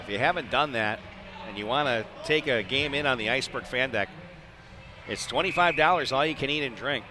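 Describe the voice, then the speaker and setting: This mid-range male voice delivers live play-by-play for a hockey game inside an ice arena, in the manner of radio sports commentary. He speaks in short, clipped bursts with conversational asides, and background noise is audible.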